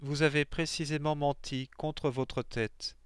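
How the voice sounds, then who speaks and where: A bold boy prophet sternly rebukes corrupt old judges in a storybook reading by a man. The tone is firm and rebuking. The voice is smooth and resonant, recorded dry and close. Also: on the high side, fairly even intonation, unhurried, no room sound, natural voice.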